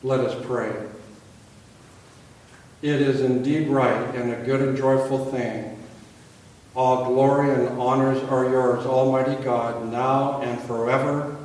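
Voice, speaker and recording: A man preaching and leading a communion liturgy as pastor, in an earnest, measured way. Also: medium pitch, fairly even intonation, a little mellow. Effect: cathedral echo, voice ringing through a large hall. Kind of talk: sermon and spoken liturgy. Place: large church sanctuary, indoors. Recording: echoey hall, voice picked up from far off, faint background hum.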